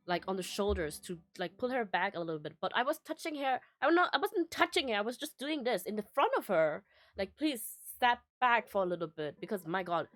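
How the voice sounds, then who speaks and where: A young woman chatting casually as a vlogger, telling a personal story in a meandering way with many fillers, restarts and laughs. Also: mid-range voice. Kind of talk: casual rambling chat.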